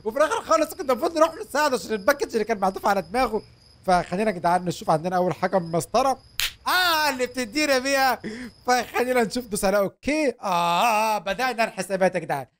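A young man with an Egyptian Arabic accent hosts a let's-play, joking and excitable as he talks to his viewers. His voice is high and rapid-fire, with slight background noise in the recording.

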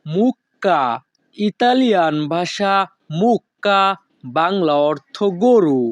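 A man teaching vocabulary in a slow, repetitive drill, saying each word and then its meaning. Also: high-pitched, expressive, no room sound. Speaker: language teacher.

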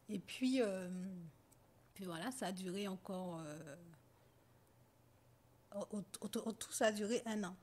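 A woman guest on a podcast giving a personal account, talking softly and haltingly with many pauses and fillers. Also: mid-range voice, slightly rough. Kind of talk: personal testimony in conversation.

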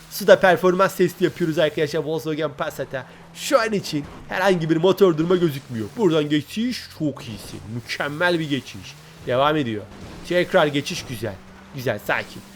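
Excitable man commenting on gameplay. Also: fairly high pitch, slight background noise. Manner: excitable, chatty, addresses viewers directly. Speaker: gaming channel host.

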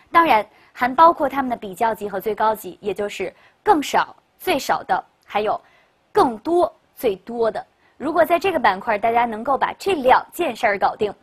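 A woman giving a classroom grammar lecture as a teacher, lively and full of questions to the class. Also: fairly high pitch, slightly rough. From China. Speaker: English teacher.

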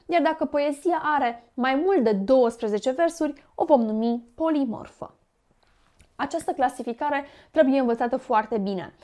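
A woman explaining verse and rhyme in a lesson, measured and explanatory, with frequent pauses and fillers. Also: a little high, darkish tone. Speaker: teacher. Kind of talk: Romanian literature lesson.

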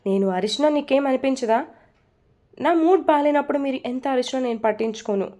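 A woman's voice: high voice, fairly quick, dark tone, natural voice. A woman voicing an irritable married man who presses his wife for answers, speaking firmly. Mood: pressing. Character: irritable married man, quick to shout, then soothing.

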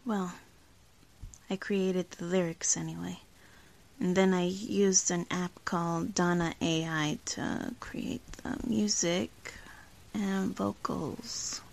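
A woman hosting her own podcast, talking casually in a soft, unhurried way with breathy trailing words and a few ums and uhs. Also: fairly low pitch, steady tone. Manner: uses fillers like um and uh. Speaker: podcast host. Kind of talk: casual spoken outro.

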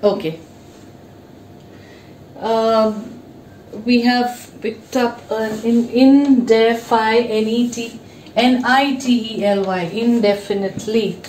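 Female teacher, 40s, fairly high voice, slow explanatory pace, echoey classroom recording. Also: fairly even intonation, darkish tone. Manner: slow, explanatory, asks questions and answers them. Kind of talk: whiteboard revision lesson. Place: classroom with whiteboard, indoors. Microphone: fixed camera mic, moves toward and away from it. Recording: echoey room, faint background hiss.

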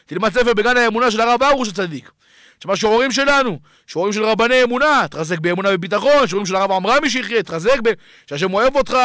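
A rabbi preaching a fiery sermon, shouting and pleading, swinging between loud cries and hushed tones. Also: male voice, high voice, no echo, clean studio sound. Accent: Israeli Hebrew. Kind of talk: impassioned sermon.

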